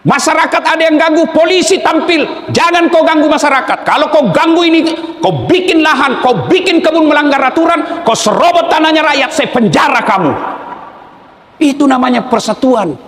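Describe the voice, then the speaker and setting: A man with a Makassar Indonesian accent preaching a humorous sermon to a live crowd, joking and shouting questions for the audience to answer. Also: extremely high pitch, animated, moderate pace. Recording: echoey hall, long reverb.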